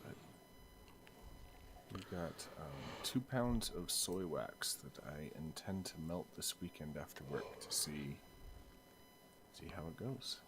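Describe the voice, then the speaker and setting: A young man co-hosting a podcast, chatting casually in a hesitant, halting way full of fillers and restarts. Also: low voice, lively intonation, noisy background. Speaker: podcast co-host. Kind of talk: casual chat.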